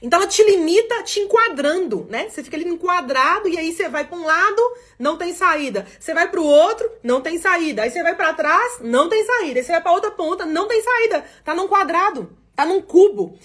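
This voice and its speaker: Animated high-voiced woman mentor. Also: brisk, few pauses. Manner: animated, acts out listeners' complaints in quotes. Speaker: mentor and podcast host. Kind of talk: live motivational talk.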